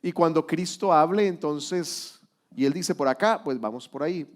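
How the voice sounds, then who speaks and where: A man, the pastor, teaching a Sunday school sermon, swinging between loud emphatic lines and quiet, low asides. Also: normal speed.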